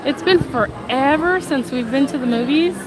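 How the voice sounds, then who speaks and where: Her voice is high and her pace moderate as she live-streams from a busy theme park, filming on a handheld phone while she walks. The vlog host chats casually, laughs often, and sounds slightly nasal as she gets over a cold, with crowd chatter and park music behind her.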